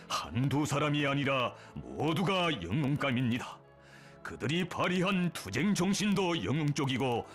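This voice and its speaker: A man with a North Korean accent narrating a scripted propaganda documentary in a solemn, reverent, emotive declamatory manner. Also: a little high.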